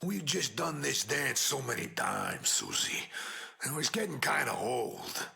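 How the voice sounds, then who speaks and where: This gruff, rock-skinned superhero bruiser from a video game has a deeply gravelly, forceful voice, wildly swooping in pitch at a measured pace in a heavily acted performance. He trades teasing video game hero banter in streetwise New slang and old-fashioned tough-guy talk, wisecracking up and down with a soft heart underneath.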